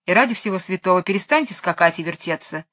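A woman's voice: fairly low pitch, lively intonation, fast talker. A woman reading a storybook aloud, voicing an irritable bossy king who barks orders. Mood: irritated. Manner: irritable, barking, shouting. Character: irritable bossy fairy-tale king, male, middle-aged.

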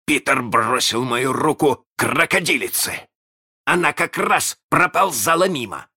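A man's voice: mid-range voice, lively intonation, a little slow, bright, forceful tone, slightly rough, voice pushed up, exaggerated voice. A man voicing a menacing, proud and hot-tempered male pirate captain in a storybook reading, speaking passionately with barking outbursts. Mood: bitter.

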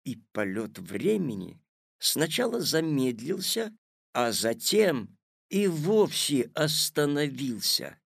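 A man reading a children's tale aloud as narrator, with expressive storytelling on a close studio mic. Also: medium pitch, takes it slowly, vocal fry, no room sound. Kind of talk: audiobook narration.

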